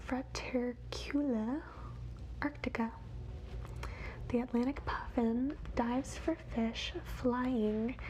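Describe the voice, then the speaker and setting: A woman whispers wildlife facts in a soft, measured ASMR reading, as quietly as someone watching animals. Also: a little high, slight background noise, poor audio. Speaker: ASMR host.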